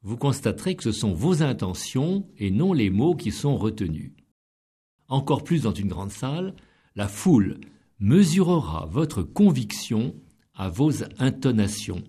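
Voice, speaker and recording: A middle-aged man giving scripted instruction on public speaking, deliberate and emphatic as he counts off each point. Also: mid-range voice, big pitch swings, warm tone, husky.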